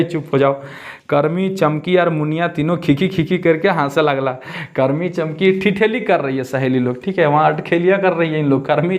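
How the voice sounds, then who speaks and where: A male teacher explains a story, repeating lines and asking and answering his own questions. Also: fairly high pitch.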